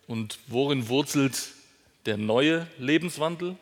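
A man's voice: medium pitch, slow pace. A man preaching a sermon, asking questions and answering them himself, pushing key words up with emphasis. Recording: long hall reverb.

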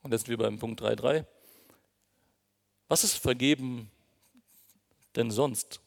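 Gravelly-voiced man preaching in a hall. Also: mid-range voice, takes it slowly. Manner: earnest, emphatic, addresses congregation directly. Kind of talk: sermon. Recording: long reverb of a hall.

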